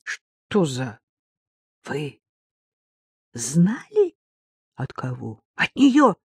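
A woman's voice: sits low, wildly swooping pitch, drawn-out words, a little mellow, breathy edge, no room sound, studio quality, exaggerated voice. A woman reading aloud, voicing a rude young woman who accuses others harshly and scornfully. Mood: indignant.

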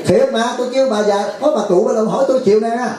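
A man, a monk teaching a retreat, gives a folksy dharma talk, often checks in with the crowd and acts out little dialogues. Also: very fast. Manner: folksy, asks the crowd "phải không?" often; acts out dialogues with lively pitch jumps. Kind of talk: dharma talk to a temple audience. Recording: very echoey hall.

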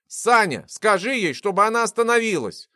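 A jumpy young man whose voice leaps up when scared, voiced by a male narrator. It has a wide, lively swing and a dry, close sound. This is a storybook character. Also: moderate pace, dry recording. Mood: panicked. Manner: plain at first, then shrill and panicked. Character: jumpy young man, panicky test subject. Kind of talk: audiobook character reading.

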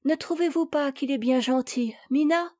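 A woman's voice: high-pitched, moderate pace, mellow, no room sound, studio quality, close to an everyday voice. A woman reader voicing a kind, chattering little rich girl in a storybook. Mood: pleading.

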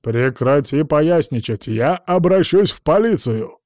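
A man voicing a blustering middle-aged colonel who growls and shouts his denials. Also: mid-range voice, unhurried, no echo, studio quality, lightly acted. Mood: angry bluster.

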